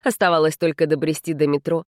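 A woman narrating a fantasy audiobook in a measured, even way. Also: low-pitched, no room sound, clean studio sound. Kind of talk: scripted narration.

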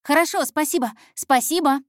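A woman's voice: high voice, normal speed, no echo, clean studio sound, pitched above the performer's own voice, lightly acted. A woman voicing a nervous young female intern reporter who stumbles and hesitates over her words. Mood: flustered. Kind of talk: audiobook character voice.

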